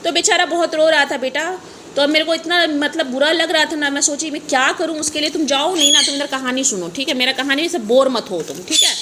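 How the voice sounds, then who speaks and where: A woman's high-pitched, brisk voice delivers a playful, teasing story to her pet parrots. It's sing-song and repetitive, with repeated phrases and laughter woven in. The recording was made at home and is noisy.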